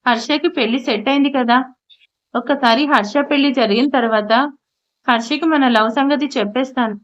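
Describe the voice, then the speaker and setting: A woman's voice: fairly high pitch, brisk, natural voice. A woman voicing a torn, defensive young man. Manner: pleading, defensive. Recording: slightly muffled audio.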